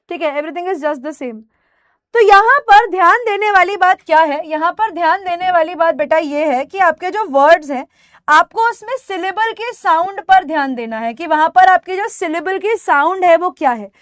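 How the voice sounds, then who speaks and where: A woman English teacher running a live online class, explaining patiently, calling her students "beta", and slowing down to stress example words. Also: very high voice, dry recording, clean studio sound.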